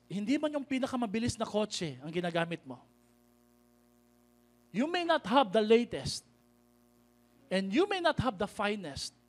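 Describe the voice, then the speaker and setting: A Filipino-accented pastor with a notably high voice delivers a lively sermon, calling out to his congregation. He slows down and stresses each word when he reads scripture aloud. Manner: preaches in mixed Tagalog and English, calling out to the congregation; reads scripture slowly and emphatically.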